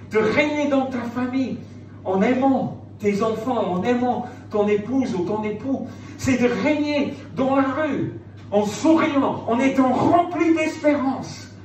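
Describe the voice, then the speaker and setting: A man with a very high voice preaches an evangelical sermon slowly and emphatically, repeating phrases and posing rhetorical questions to his listeners. The recording is roomy, with a distant mic and loud background noise.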